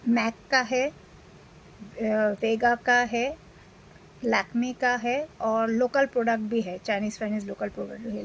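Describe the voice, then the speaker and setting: Female vlogger, 40s, from India, unwell; relaxed rambling delivery with fillers over faint room noise. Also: a little high, creaky, poor audio. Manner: rambling, with many fillers and restarts. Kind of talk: casual talk to camera.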